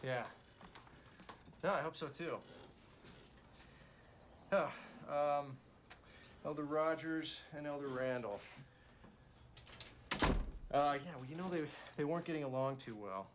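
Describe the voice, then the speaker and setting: A man's voice: on the high side, slow pace, long pauses, background noise. A young man playing an easygoing, peacemaking missionary who speaks matter-of-factly. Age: young adult.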